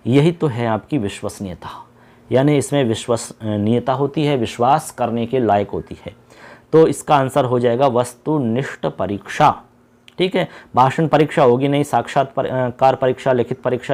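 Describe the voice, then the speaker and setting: A man teaching an exam-prep lesson, patiently repeating key points and reading questions out slowly. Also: medium pitch, darkish tone.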